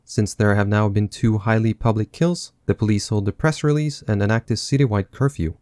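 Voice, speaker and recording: A man narrates a film recap, breaking in with sarcastic, mocking jokes. His voice is low-set and mellow, recorded dry and close. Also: fairly even intonation, fairly quick, no room sound. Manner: sardonic, mocking asides. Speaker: film reviewer. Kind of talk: sarcastic movie recap commentary.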